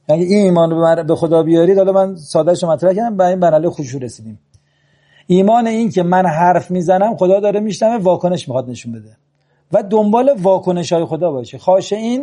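Guy preaching at a religious class, high voice but mellow and dark, slow and emphatic, drops into arabic verses. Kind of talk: religious lecture.

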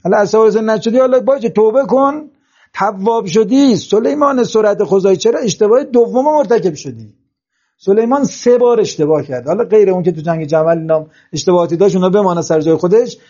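Male preacher, high mellow voice, reproachful and insistent, muffled lo-fi recording. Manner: passionate, reproachful, rhetorical questions. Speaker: religious speaker. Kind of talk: sermon-style religious talk. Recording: dull lo-fi recording.

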